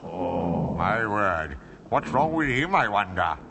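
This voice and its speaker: A man's voice: on the low side, sing-song, takes it slowly, vocal fry, heavily acted. A man voicing a kindly, put-upon cartoon servant with a British accent, muttering fussily and deferentially to himself. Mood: muttering, resigned. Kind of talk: British cartoon character acting. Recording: noisy soundtrack with constant background sounds.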